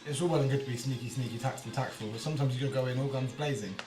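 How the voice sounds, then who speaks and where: A man's voice: mid-range voice, very fast. A man playing a tabletop game, talking eagerly while scheming his character's next move. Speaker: player. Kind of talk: casual game chat. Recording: roomy, distant mic with background music.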